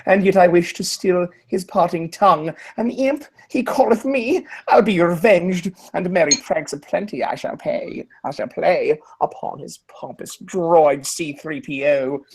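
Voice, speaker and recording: A man reading a clever little droid, saying beeps aloud and then plotting in a quiet, sly verse soliloquy. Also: high voice, unhurried, few pauses, slightly rough, full character voice. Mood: sly scheming. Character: small clever male droid, scheming pranks. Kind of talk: live Shakespearean verse reading.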